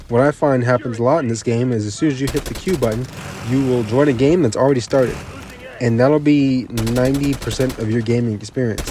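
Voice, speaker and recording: A man's voice: mid-range voice, background noise. A man giving casual gaming commentary, ranting bluntly and repeating himself, a bit tired, with faint game sounds behind him.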